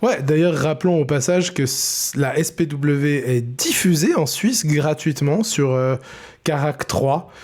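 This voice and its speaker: A man's voice: on the high side, a little slow, a little mellow. A man co-hosting a casual podcast chat, talking with frequent hesitations and restarts. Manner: hesitant, many filler sounds and restarts. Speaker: podcast co-host.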